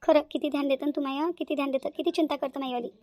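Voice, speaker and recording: A woman's voice: sits high, fairly even intonation, very fast, mellow, close to an everyday voice. A woman voicing an affectionate elder sister-in-law in a cartoon, with a fond, coaxing manner. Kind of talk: cartoon voice acting.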